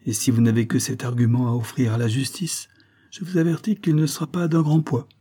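Male reader as a shrewd storybook detective, calm, measured, kindly, dark tone. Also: mid-range voice, husky, pitched above the performer's own voice, close to an everyday voice.

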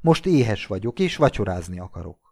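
A man reading an audiobook, voicing a cold, arrogant young man with a flat, contemptuous manner. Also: lowish voice.

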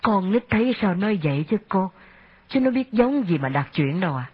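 A woman reading an audiobook, voicing a humble, grieving man who speaks slowly and haltingly through tears. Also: medium pitch, very animated, slightly rough. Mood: sorrowful. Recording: dull lo-fi audio.

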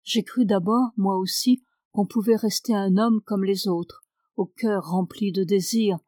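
Brief: calm wise nobleman, low and gentle, woman reader. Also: measured pace, no room sound, close to an everyday voice. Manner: soft, gentle delivery.

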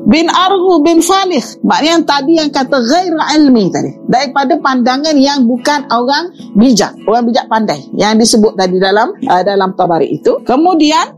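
High-voiced woman lecturing on sources. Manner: explanatory, quotes Arabic then glosses it, asks rhetorical questions. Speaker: presenter at an academic review. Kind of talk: lecture reading and explaining Arabic sources.

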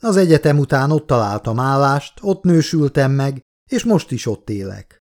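A man's voice: medium pitch, big pitch swings, darkish tone, voice pushed up. A man reading as a wry male archaeologist. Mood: relaxed. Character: friendly middle-aged male archaeologist scholar.

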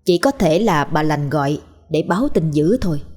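A woman narrating a horror story in a measured, suspenseful storytelling manner. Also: deep voice, expressive, darkish tone, soft background music.

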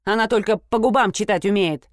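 A woman plays a bossy young woman who haggles without mercy in an audiobook. Her lines are short, icy and commanding, pitched a touch high, in a dry, close sound. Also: brisk, dry recording, close to an everyday voice. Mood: haughty. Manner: curt, cold and commanding.

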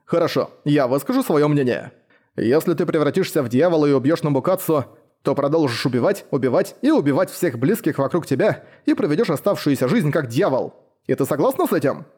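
A man's voice: a little high, lively intonation, a little fast, darkish tone, slightly rough. A man voicing a bold, blunt young male retainer who argues earnestly.

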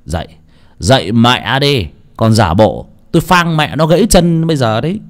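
A man voicing a rough, bullying male debt collector who barks his threats. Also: medium pitch, expressive, moderate pace, lightly acted. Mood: menacing. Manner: barking, bullying.

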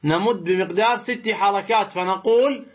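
A man teaching a tajweed lesson, explaining slowly and deliberately, pausing to pose rhetorical questions to his students. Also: high-pitched. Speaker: Quran recitation teacher. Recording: muffled lo-fi recording.

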